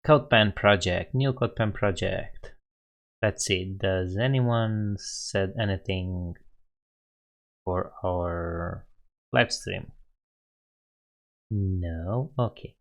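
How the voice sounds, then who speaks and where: A Romanian-accented host narrates a live coding stream casually, thinking aloud and amending himself as he types. His low voice is creaky and slow-paced, with frequent pauses.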